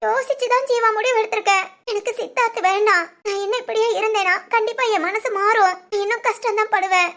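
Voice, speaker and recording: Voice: very high voice, fairly even intonation, fast, fairly bright tone. A performer voicing a tearful young woman in a cartoon, a devoted younger sister who pleads emotionally and insists on her choice. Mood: tearful resolve. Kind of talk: cartoon voice acting.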